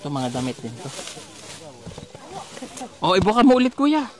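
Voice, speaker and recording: A man's voice: sits high, sing-song, normal speed. A man with a Mindanao Filipino accent, vlogging outdoors in a rural village as he hands out donations, bossing and teasing the children in a joking way. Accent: Davao, Mindanao Filipino. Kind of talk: casual outdoor vlog talk. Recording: crowd noise around the speaker. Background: villagers and children chattering.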